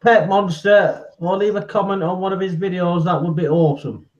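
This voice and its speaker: A man hosts a casual live stream, bantering and greeting viewers by name. His voice is fairly high, and the stream audio sounds dull and lo-fi. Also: fairly even intonation, normal speed. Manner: jokey, greets viewers warmly.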